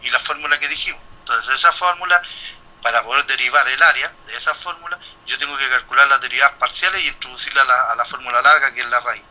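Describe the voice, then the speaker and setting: A man's voice: medium pitch, fast talker, pushed and bright, highs cut off. A middle-aged man, a lecturer explaining a statistics problem to his students and thinking aloud with restarts and rhetorical questions. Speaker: university lecturer. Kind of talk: classroom explanation.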